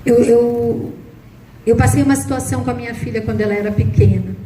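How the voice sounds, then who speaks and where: High-voiced woman preaching in an echoey church. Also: fairly even intonation, a little fast, warm tone. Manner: emotional, dramatic retelling, voice rising high at climaxes. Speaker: missionary preacher. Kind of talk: sermon with personal testimony. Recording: echoey room, faint noise.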